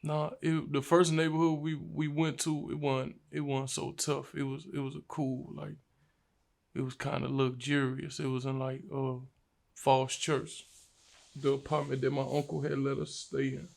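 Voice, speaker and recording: Young rapper guy from virginia, gravelly voice, laid back slangy storytelling, pretty monotone. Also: mid-range voice, moderate pace. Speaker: rapper, interview guest. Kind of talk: casual sit-down interview.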